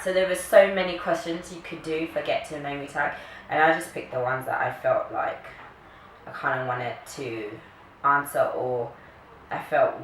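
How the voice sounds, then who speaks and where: Woman in her 30s vlogging, bright forceful voice, kinda far from the mic, jokey. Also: low voice. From Kenya, later the UK. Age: early 30s. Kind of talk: casual chat to camera. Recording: echoey room, distant mic, faint noise.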